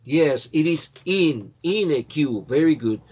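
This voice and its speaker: A man's voice: on the high side, lively intonation, unhurried, a little mellow, husky, muffled recording. A man teaching an English class, going through answers and correcting students by name in a patient way. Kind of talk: online class, checking answers.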